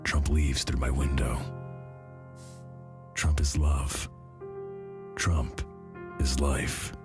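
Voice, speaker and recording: A man narrating a meme story in a slow, deadpan way, his voice pitched way down so it sounds unnaturally deep. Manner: slow, flat, deadpan delivery. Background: music playing under the voice.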